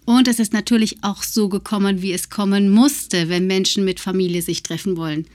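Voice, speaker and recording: A woman's voice: medium pitch, steady tone, brisk, darkish tone, no echo. A woman with a mid-range voice reads a friendly podcast introduction. The recording is dry and close, with no room sound. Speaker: podcast host.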